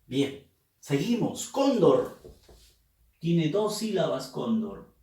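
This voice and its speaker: A man teaching a class, his voice rising and falling a lot as he leads students through syllable drills. He speaks slowly and patiently. The recording is roomy and echoey, picked up from some distance away from the mic. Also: on the high side, very animated, a little mellow. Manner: patient, drills students by asking them to pronounce and count syllables. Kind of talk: classroom lesson on accent rules.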